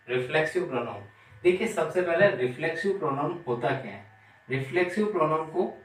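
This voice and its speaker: A man teaching a grammar lesson, speaking slowly and repeating key terms as he asks the class questions. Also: on the high side, a bit bright. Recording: roomy, from some distance.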